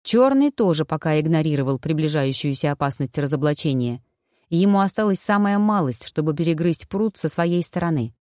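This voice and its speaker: An audiobook narrator reading a fantasy story in a steady, even storytelling manner. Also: mid-range voice, fairly quick, dry recording, clean studio sound. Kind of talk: scripted narration.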